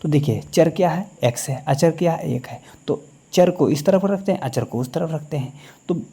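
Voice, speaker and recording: A man with a very dark, mellow voice teaches a maths lecture. He sits a little high in pitch for a man and keeps pausing to quiz his class with short check questions. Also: slightly rough.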